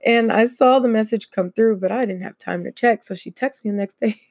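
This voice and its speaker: Woman, podcast host, casual chat, gravelly, dark tone, dry close sound. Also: a little high, a little fast, dry recording. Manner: chatty, laughs often, many fillers.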